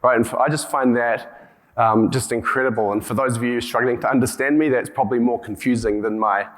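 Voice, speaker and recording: A man's voice: mid-range voice, fairly even intonation, fairly quick, rough recording. New Zealand man giving an informal conference talk. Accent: broad New Zealand (Kiwi). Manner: hesitant, often repeating words and circling back with hedges. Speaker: conference speaker, company co-founder and CEO.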